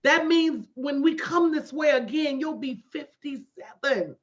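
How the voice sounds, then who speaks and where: With a high voice and a slightly slow pace, a woman in her late 40s hosts a livestream as a motivational business coach. She talks to her live online audience directly and folksily, hammering points with preacher-like repetition. The audio is dull and lo-fi.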